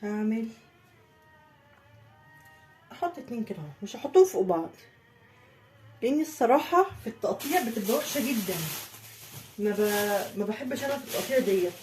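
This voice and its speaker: On the high side and a little mellow, her animated voice moves fairly quickly but pauses often, with slight background noise. She's an Egyptian-accented home baking vlogger chatting through each step of decorating a birthday cake in her kitchen.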